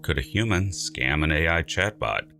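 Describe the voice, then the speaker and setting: A man reading scripted science narration in a measured, emphatic, dryly wry way. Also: a bass voice, animated, vocal fry, bright, forceful tone, faint music behind.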